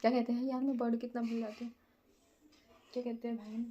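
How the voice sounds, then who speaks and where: A young woman talks casually through a makeup vlog, rambling and poking fun at herself while she hunts for words. Her voice sits a little high yet sounds very dark and mellow, and the recording is dull and lo-fi. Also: level tone, quick pace. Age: young adult. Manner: rambling, self-mocking, searches for words; mixes English words into speech. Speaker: vlogger.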